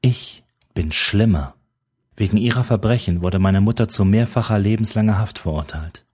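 A man's voice: lowish voice, normal speed, a little mellow, breathy edge. A man reading an audiobook who voices a cheeky, brash young woman with mocking sass. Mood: sad. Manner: mocking, gum-chewing sass. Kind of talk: audiobook character voice.

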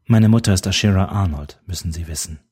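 A man's voice: low voice, fairly quick, mellow, husky. A man reading an audiobook who voices a cheeky, brash young woman with mocking sass. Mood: sad. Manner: mocking, gum-chewing sass. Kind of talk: audiobook character voice.

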